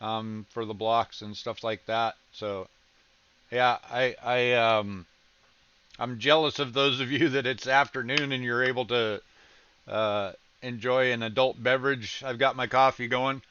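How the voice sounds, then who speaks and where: A man's voice: medium pitch, fairly even intonation, measured pace, sharp tone, lo-fi sound, a little hiss or hum. A man hosting a casual livestream reaction chat, rambling with lots of ums and restarts, with a slight Southern American accent. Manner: rambling, many ums and restarts, laughs easily. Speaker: reaction streamer host.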